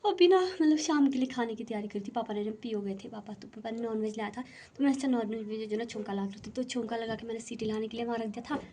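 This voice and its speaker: A woman's voice: on the high side, fast, few pauses, warm tone, slight background noise. A young woman with a head cold, chatting casually to viewers as a family vlogger at home. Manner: chatty, talks straight to viewers. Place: home, indoors.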